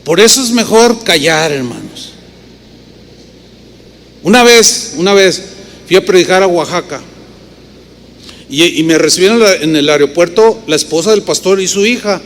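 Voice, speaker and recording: A man's voice: high voice, moderate pace. A middle-aged man with a Mexican accent, preaching a sermon as pastor and telling stories with rhetorical questions. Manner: animated storytelling with rhetorical questions. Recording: reverberant hall with faint noise.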